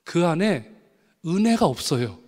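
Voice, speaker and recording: A man, a pastor, preaching a sermon with animated storytelling, acting out voices from his anecdotes. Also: on the high side, measured pace. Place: church sanctuary. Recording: long hall reverb.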